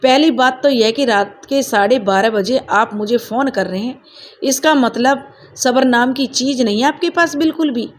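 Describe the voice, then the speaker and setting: A woman's voice: a little high, moderate pace, a little hiss or hum, lightly acted. A woman voicing a dignified school principal who speaks firmly and reproachfully, in a raised voice above her own. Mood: stern rebuke. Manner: firm and reproachful.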